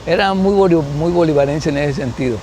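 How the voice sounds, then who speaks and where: A Colombian man in his seventies, a guest sociologist being interviewed, answers unhurriedly, thinking aloud with restarts and frequent tag questions. His voice is on the high side and darkish, fairly quick, with a little hiss or hum.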